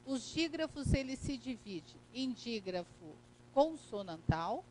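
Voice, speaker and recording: A woman's voice: fairly high pitch, sing-song, unhurried, darkish tone, slight background noise, poor audio. A woman with a Brazilian Portuguese accent teaching a recorded grammar lesson, explaining step by step and checking in with "né?" and "correto?".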